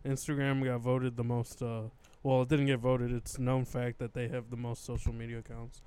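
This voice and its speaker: Young male guest, easygoing rambling talk, smooth voice. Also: mid-range voice, level tone, moderate pace, darkish tone. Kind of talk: casual podcast banter.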